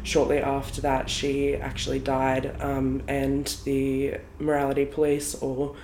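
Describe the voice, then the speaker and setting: A young Australian woman with a low voice co-hosts a podcast in a relaxed, chatty way. She laughs easily. The recording has an echoey room and faint background noise. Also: measured pace. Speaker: podcast co-host. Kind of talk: casual chat. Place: home room, not a studio.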